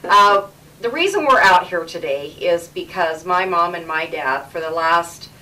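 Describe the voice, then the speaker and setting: A middle-aged woman from Canada hosts a relaxed interview in her home, chatty and fond of repeating words for emphasis. Her voice sits a little low. The sound is old camcorder audio picked up from a few steps away. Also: unhurried, far from the mic, slight background noise, poor audio. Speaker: host interviewing her parents.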